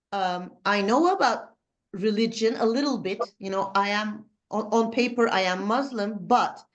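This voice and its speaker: A woman on a video call shares an experience from her teaching. Her voice sits a bit high, and she talks hesitantly, with plenty of "um"s and "I mean"s as she searches for words. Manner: hesitant, many fillers. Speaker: workshop participant, teacher. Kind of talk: sharing a personal story.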